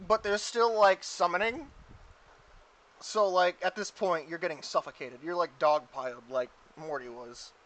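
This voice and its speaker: A woman with a somewhat low voice runs a tabletop game. She narrates loosely and playfully, often pausing on "like.". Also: a bit bright, rough recording. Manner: casual, giggly, with many "like"s. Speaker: game master.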